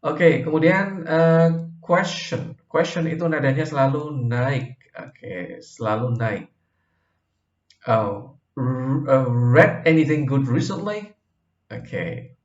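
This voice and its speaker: A man with an Indonesian accent giving a recorded university lecture, explaining at a relaxed pace and often tagging his sentences with short checks. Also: mid-range voice. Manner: relaxed, drawn-out explanations with frequent "oke" and "ya" tags. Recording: roomy, dull lo-fi sound.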